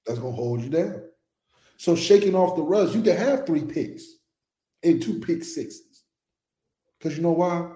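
A man talks sports as a co-host, keeping it loose and jokey with plenty of animation. His voice sits a bit high but sounds mellow and dark in tone. The room adds a noticeable echo. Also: expressive, measured pace, pauses often. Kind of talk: casual sports talk. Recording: roomy echo.

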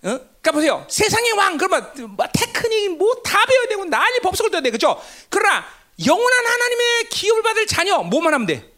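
A woman giving a sermon-style Bible lecture. She keeps asking her listeners rhetorical questions and answers them herself, with emphatic bursts and sudden low, hushed asides. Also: sing-song, fairly quick, hardly any pauses. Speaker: Bible teacher.

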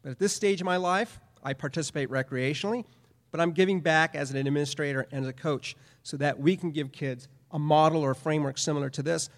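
Emphatic male lecturer in a reverberant hall. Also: fairly high pitch. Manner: emphatic, repetitive phrasing, speaks to an audience. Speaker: professor giving a conference presentation. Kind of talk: lecture presentation.

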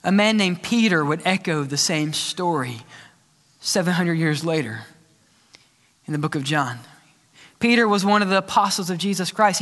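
A man preaching a sermon to his congregation, animated and asking the room questions. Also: high voice, in a large hall. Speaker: pastor. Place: church.

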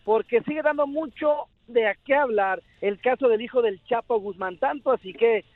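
A man giving a formal news update to a radio host, speaking fluently and clearly. His voice is very high, heard dry and thin over a tinny phone line. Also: normal speed, no room sound. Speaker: news correspondent.

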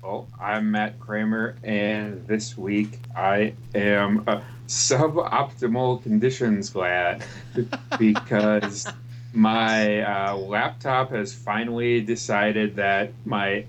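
A man's voice: fairly low pitch, steady tone, slow pace, slight background noise. Man on a dull speakerphone. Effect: heard through a laptop speakerphone. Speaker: podcast co-host. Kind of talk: casual chat. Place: office. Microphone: laptop speakerphone. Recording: dull speakerphone over wifi.

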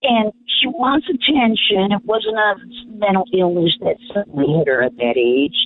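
A woman's voice: mid-range voice, normal speed. Woman caller, muffled as if through a door. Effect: muffled, as if heard through a door, on speakerphone. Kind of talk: call-in talk radio. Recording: muffled phone line with faint hum.

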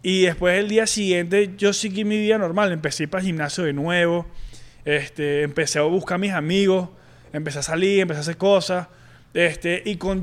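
A man, co-hosting a casual podcast and candidly telling a personal story with many restarts and fillers. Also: sits high. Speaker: podcast co-host. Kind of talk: casual chat.

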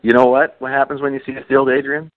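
A man on a podcast speaks earnestly and leans on repetition, saying key phrases again and again. His voice sits at an ordinary middle pitch. It is recorded dry and close with a slightly dull tone. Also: level tone, fast, no echo. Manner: earnest, repeats phrases for emphasis. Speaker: podcast co-host. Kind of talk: podcast conversation.

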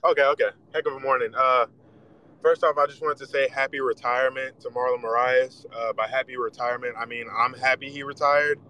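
A man's voice: medium pitch, fairly even intonation, fairly quick, sharp tone. Man on a breaking-up call line. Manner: hesitant, lots of "uh". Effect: bad, breaking-up call connection. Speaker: caller. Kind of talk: casual call-in chat. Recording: distant, patchy call line.

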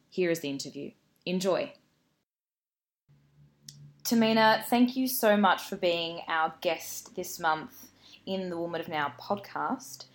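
A woman from Australia, hosting a podcast and reading an upbeat scripted intro before interviewing her guest. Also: fairly low pitch. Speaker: podcast host. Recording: music bed under the voice.

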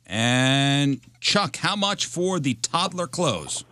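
Male radio game host, announcer-like and suspenseful, forceful bright tone, lively pitch, faint noise behind. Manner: announcer-like, repeats bids with drawn-out suspense. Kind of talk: game show hosting on a radio talk show.

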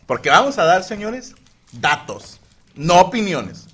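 A Mexican man hosting a comedy podcast, telling stories loudly with crude slang and jokes. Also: high-pitched, unhurried, slightly rough. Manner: crude, animated, joking slang. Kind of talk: loud comic storytelling.

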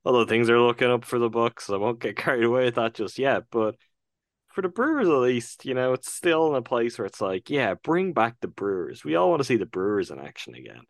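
A man co-hosting a sports podcast, talking in a relaxed, wry way. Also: mid-range voice, a little fast, no room sound. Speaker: podcast co-host. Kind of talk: casual sports podcast chat.

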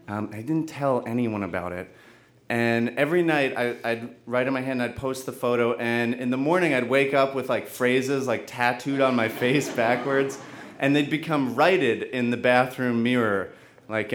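A man telling a personal story live on stage, earnest and halting, with frequent restarts. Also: medium pitch.

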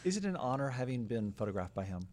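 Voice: medium pitch, very animated, a little mellow. A podcast host chatting casually with a guest, reacting eagerly and asking questions. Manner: enthusiastic, quick reactions. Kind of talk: casual interview chat.

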